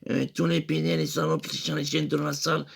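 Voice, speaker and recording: A man's voice: on the high side, big pitch swings, brisk, creaky, husky. A man telling a rambling comic story in slang, hesitant and full of fillers and restarts.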